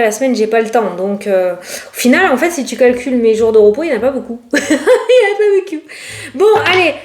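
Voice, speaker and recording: A woman doing a casual, rambling tarot reading who laughs often and speaks with a regional French accent. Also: sits high. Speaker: tarot card reader. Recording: echoey room.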